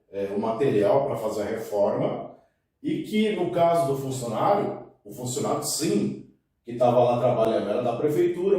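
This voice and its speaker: A man's voice: medium pitch, mellow. Man commentating news in an echoey room. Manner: frequent "né" tags and self-restarts. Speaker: news commentator on a podcast panel. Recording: very echoey room, mic at a distance.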